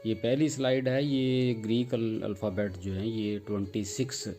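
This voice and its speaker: Very dark-voiced male language teacher. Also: medium pitch, flat delivery, soft background music. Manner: patient, explains step by step with examples. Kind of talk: slide-based language lesson.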